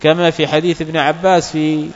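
A man teaching Quran recitation in a slow, deliberate religious lesson, stressing each letter as he corrects pronunciation. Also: a little high, flat delivery. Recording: dull lo-fi sound with long reverb and hum.

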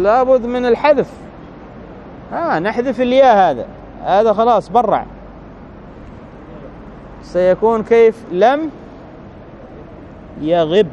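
This Arabic grammar lesson comes from a man with a high-pitched, darkish voice. He explains step by step, deliberately and slowly, and keeps asking "right?" to verify the listener understands. The recording is dull and lo-fi, with a touch of hiss or hum.

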